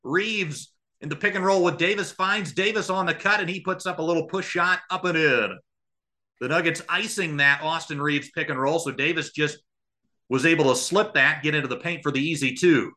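A man calls live basketball on the radio as a play-by-play commentator, his voice on the high side, pushed and bright, at a moderate pace. He describes the action in short, clipped present-tense phrases and mixes in analysis.

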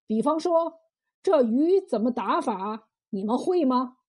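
A woman voicing a blunt, wise old male fisherman in a told folk tale, drawing out his words in a slow folksy way. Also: high-pitched, expressive, darkish tone, slightly rough, heavily acted. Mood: chiding. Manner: slow, drawn-out folksy speech. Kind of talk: storytelling role voice.

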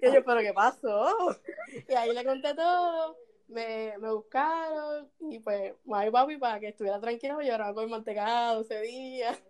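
A woman with a Puerto Rican accent telling a story in casual chat, animated and often laughing as she talks. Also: fairly high pitch, normal speed.

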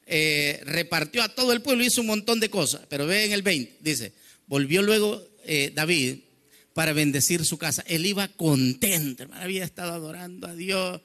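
A man's voice: fairly high pitch, moderate pace, bright, forceful tone. A man preaching a sermon. He reads scripture, calls listeners "brother" and acts out the quarrel in quoted lines.

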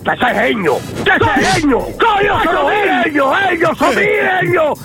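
A man speaking emphatic, irate Italian on a prank call, often shouting and stammering as he repeats himself. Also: very high voice, very animated, unhurried. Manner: stammering repetitions when agitated. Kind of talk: prank phone call, answering angrily. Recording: music behind a radio phone prank.

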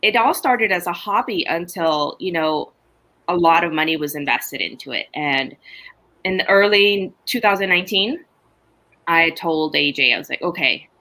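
This middle-aged Honduran farmer speaks on the low side at a moderate pace as a podcast guest. Chatting casually, she tells animated stories about her farm and laughs along the way.

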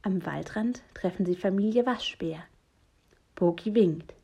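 A woman reading a children's bedtime story aloud, soft and gentle, often hushed. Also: mid-range voice, a little slow, creaky, breathy edge, dull audio. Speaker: reader.

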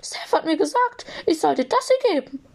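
A woman voicing a small, polite male wizard teacher with a squeaky voice in a fan audiobook reading. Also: big pitch swings, normal speed, vocal fry, darkish tone, exaggerated voice. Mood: amused.

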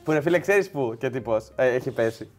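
A man telling a long funny story in casual chat, animated and quick to laugh. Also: mid-range voice.

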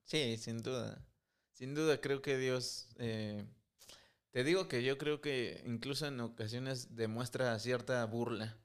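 A man's voice: medium pitch, fairly even intonation, slow, smooth. A man co-hosting a podcast, speaking earnestly and calling his listeners brothers. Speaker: podcast co-host. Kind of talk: casual podcast chat.

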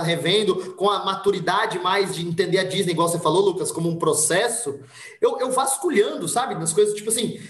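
Brazilian guy telling stories on a podcast, acts out the voices, echoey room. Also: high-pitched. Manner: animated, acts out voices in anecdotes. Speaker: podcast guest. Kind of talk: casual storytelling chat.

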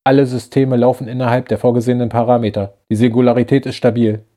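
A man voicing a gruff, wary armored soldier. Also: medium pitch, level tone, fast, dark tone, lightly acted. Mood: curt. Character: wounded armored soldier, middle-aged man, hard and wary. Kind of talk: audiobook character voice.

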